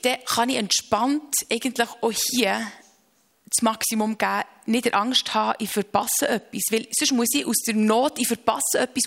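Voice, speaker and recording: A woman gives an earnest, reflective account of her faith in an interview. Her voice sits a little high and carries a gravelly fry. She slows down to stress key phrases and often stops and restarts mid-sentence. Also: a bit bright. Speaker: interview guest.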